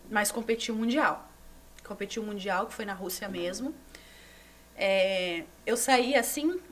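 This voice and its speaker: A woman in her thirties from Brazil, a former gymnast telling her story as a podcast guest, animated and repeating words for emphasis. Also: on the high side. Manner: animated, repeats words for emphasis, drops to near whisper at moments. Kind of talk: conversational storytelling. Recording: voice somewhat distant from the mic.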